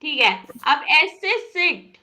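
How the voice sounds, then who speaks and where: A woman teaching an online English phonics class, patient and encouraging, repeating each sound slowly for her students. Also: sits high, big pitch swings, pushed and bright.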